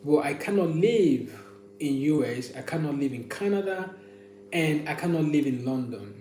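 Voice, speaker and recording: A man's voice: fairly high pitch, lively intonation, normal speed, dark tone. A man hosting a casual live chat, telling personal stories and opinions and often restating phrases for emphasis. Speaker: livestream host. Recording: echoey room with faint hum.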